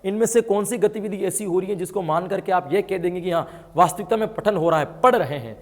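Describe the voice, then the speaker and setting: A man's voice: sits high, quick pace. A man teaching an exam-prep lesson, explaining answers and asking his students questions as he goes. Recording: long hall reverb.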